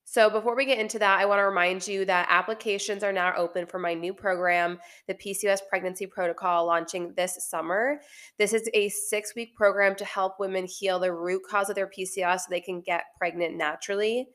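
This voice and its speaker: Still congested as she recovers from illness, this naturopathic doctor hosts her health podcast with friendly, casual explanations. Her mid-range voice is a bit bright, fairly even in intonation, and a little fast.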